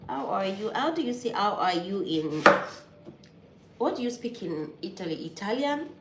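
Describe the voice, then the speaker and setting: A woman's voice: medium pitch, animated, moderate pace. A woman from Nigeria whose first language is Yoruba, chatting casually with viewers while cooking at home, easygoing and thinking aloud, with an allergy. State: pollen allergy, sneezing. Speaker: vlogger. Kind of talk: casual cooking vlog chat with live viewers. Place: home kitchen. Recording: echoey kitchen with loud background noise.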